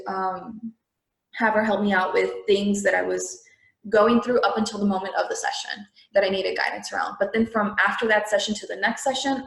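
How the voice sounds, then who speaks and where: Young adult woman from Peru, interview guest, chatty with a lot of fillers, gravelly edge, mid-range pitch. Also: reverberant, low-quality recording. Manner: chatty, frequent fillers like "like" and "you know". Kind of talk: casual interview talk.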